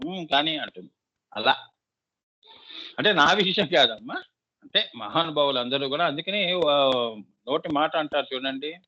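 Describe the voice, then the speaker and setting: A middle-aged man with a Telugu accent, a spiritual teacher giving a devotional discourse in a fatherly way, often checking with his listeners. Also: fairly high pitch. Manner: fatherly, addresses listeners as mother and son, asks "isn't it?". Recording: dull lo-fi sound.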